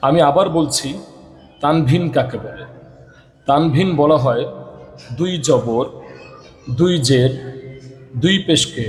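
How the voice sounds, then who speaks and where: A man teaching Quran reading, explaining rules step by step and reciting verses slowly, repeating each rule. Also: a little high, a little mellow, rough recording. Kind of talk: slow, repetitive recitation lesson.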